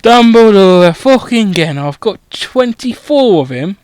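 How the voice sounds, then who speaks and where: A man's voice: high-pitched, animated, measured pace, darkish tone, clear, resonant tone, dry recording. A man doing a cocky sweary boy wizard. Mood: cheeky. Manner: cheeky, sweary, matey.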